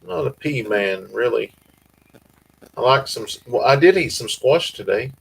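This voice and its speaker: A man's voice: mid-range voice, expressive, normal speed, creaky, slightly rough, poor audio. A man with a Southern US accent hosting a casual family-farm livestream, reading viewer comments in a laid-back drawl. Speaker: livestream host.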